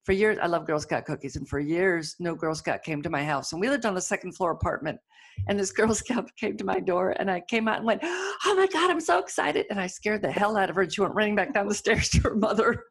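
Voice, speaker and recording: A chatty woman in casual conversation, telling personal stories with eager enthusiasm. Her voice is fairly low and has a gravelly fry to it. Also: quick pace. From United States. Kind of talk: casual chat.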